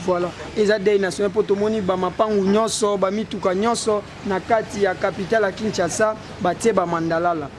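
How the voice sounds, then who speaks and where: A man's voice: high voice, fairly even intonation, a little fast, few pauses. A man, a street reporter putting direct, leading questions to a passerby. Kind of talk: street interview, mixing French and Lingala. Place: outdoors on a city street. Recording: noisy street with passing traffic.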